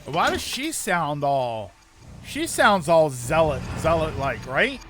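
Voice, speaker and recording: High-voiced, animated male game streamer. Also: slow pace, a little hiss or hum. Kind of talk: casual live game commentary, reacting aloud.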